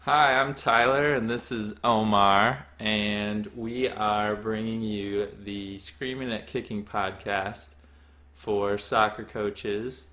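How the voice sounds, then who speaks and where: A young man co-hosting a soccer podcast, easygoing and giggly. He talks slowly in a lowish, bright, forward voice. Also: fairly even intonation. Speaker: podcast co-host, soccer coach. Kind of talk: casual podcast chat.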